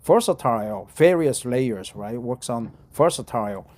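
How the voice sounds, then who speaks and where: Reading an English article aloud for practice, this middle-aged Korean man stumbles along with lots of fillers and repeated phrases. The vlogger speaks with a Korean accent in an expressive, slightly mellow, medium-pitched voice.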